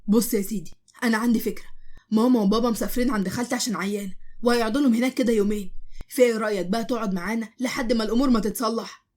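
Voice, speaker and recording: This is a joking, protective young brother with an Egyptian accent, as a woman reads him in a cartoon story. He ribs his friend and bosses him around in a quick, slightly high voice. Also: fairly even intonation, dark tone, lightly acted. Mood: teasing. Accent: Egyptian Arabic. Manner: joking, bossy banter. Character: young man, teasing protective older brother.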